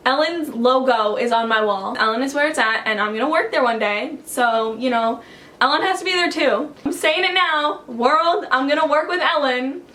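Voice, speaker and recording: A woman vlogger telling a story to camera at home in an excitable, chatty way, full of "like". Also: sits high, normal speed. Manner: excitable and chatty, heavy use of "like".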